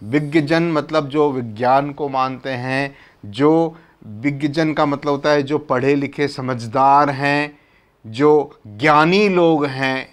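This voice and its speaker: A man slowly explaining the words of a devotional hymn, reciting verses and then patiently repeating what each word means. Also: medium pitch. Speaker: religious teacher explaining a hymn.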